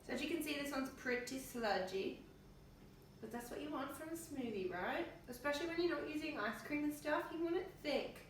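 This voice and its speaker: A woman's voice: high voice, animated, fairly quick. A woman with an Australian accent chatting casually in her home kitchen, tired and in pain, with an offhand, colloquial way of talking. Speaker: health vlogger. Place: home kitchen with windows open. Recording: very echoey kitchen, distant mic, faint noise.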